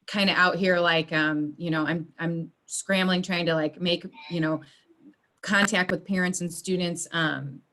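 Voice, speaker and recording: A woman's voice: on the low side, steady tone, unhurried, bright, forceful tone. A woman working as a school social worker, talking in a rambling way with many restarts during a video meeting. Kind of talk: casual video meeting chat. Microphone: video call.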